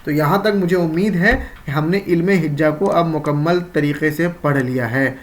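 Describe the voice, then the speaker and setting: A man with a fairly high voice gives an exam-prep grammar lesson. He explains patiently and step by step, repeating key terms for his students. He often asks a question and then answers it himself. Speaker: teacher.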